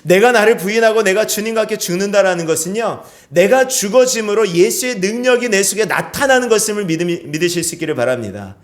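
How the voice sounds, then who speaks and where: Male pastor, fairly high-pitched, preaching in church, keeps prompting the congregation with questions. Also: lively intonation, quick pace, few pauses. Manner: asks the congregation questions and calls for amens. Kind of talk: sermon. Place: church sanctuary.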